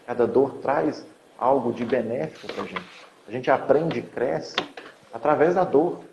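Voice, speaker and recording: A man hosts a reflective talk about grief and speaks in an earnest, encouraging way. His voice sits at a middle pitch. The recording sounds roomy and slightly muffled, with a faint hiss underneath. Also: expressive, unhurried, darkish tone. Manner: earnest, encouraging, repeats phrases. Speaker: host, hypnotherapist. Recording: echoey, dull audio with faint hiss.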